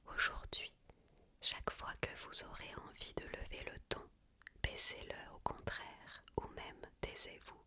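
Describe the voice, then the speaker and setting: A woman gives an ASMR book reading entirely in a hushed library whisper. She takes her time over every phrase, measured and careful. The whisper has a bright, crisp edge. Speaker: ASMR reader.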